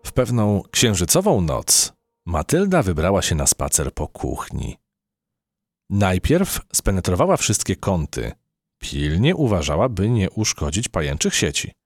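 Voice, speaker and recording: Expressive man reading a children's story. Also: low-pitched, a little slow, dry recording. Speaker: narrator. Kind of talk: children's audiobook narration.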